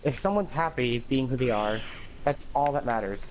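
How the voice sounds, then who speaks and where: A casual teen boy hosts a game livestream, his higher-pitched voice carrying an occasional lisp as he talks at normal speed. He's talkative and rambling, full of "like"s, swearing and animated laughs. The audio is poor, with a light hiss on the line.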